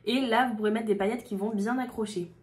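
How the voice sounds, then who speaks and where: A woman's voice: a little high, fairly even intonation, quick pace. A young woman of about twenty, chatting casually to camera while doing her makeup, with many fillers. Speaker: beauty YouTuber. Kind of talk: casual makeup tutorial chat.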